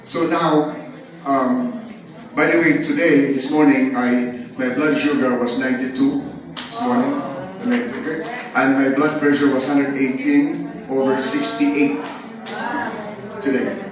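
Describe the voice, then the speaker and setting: Older man talking fast, far from the mic. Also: mid-range voice, highs cut off, crowd noise. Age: 70s. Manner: fast, halting, many restarts and fillers. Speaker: speaker giving a testimony. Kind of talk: casual spoken talk to an audience. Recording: echoey room, far from the mic.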